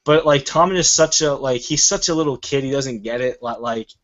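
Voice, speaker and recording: Guy rambling and cussing through a show recap, mid pitch, kinda muffled audio. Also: a little fast. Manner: rambling and profane. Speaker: show host. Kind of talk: casual review chat. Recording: muffled lo-fi recording.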